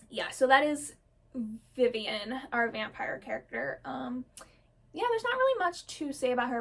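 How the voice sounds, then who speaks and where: A woman vlogger sitting on camera, chatting casually about her characters in a rushed, gushing, rambling way. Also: fairly high pitch. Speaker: storyteller vlogger. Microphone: camera mic, seated on camera.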